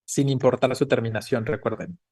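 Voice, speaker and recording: A man's voice: medium pitch, fairly even intonation, a little fast, mellow, breathy edge. A man teaching an online class, explaining patiently and checking in with the students often. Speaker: Spanish teacher.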